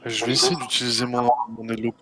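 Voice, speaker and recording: A man's voice: medium pitch, level tone, fast, heavy background noise. A man playing a tabletop role-playing game, talking through his moves cautiously and laughing now and then. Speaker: player. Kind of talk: casual tabletop game play.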